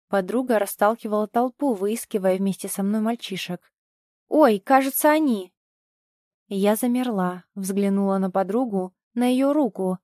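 A woman's voice: mid-range voice, dark tone, dry recording, studio quality. A woman reading a first-person audiobook with tense, emotional storytelling. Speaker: audiobook narrator.

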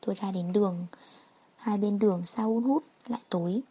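A woman narrating a first-person story in a quiet, wistful reading. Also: medium pitch, normal speed, a little hiss or hum.

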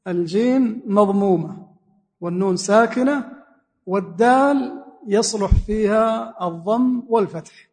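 Male sheikh, high voice, methodical word-by-word explanation, mosque reverb. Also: a little mellow. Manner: explains word by word, repeats key phrases. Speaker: sheikh teaching a mosque lesson. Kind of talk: religious lesson explaining a hadith text. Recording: long reverb of a mosque hall.

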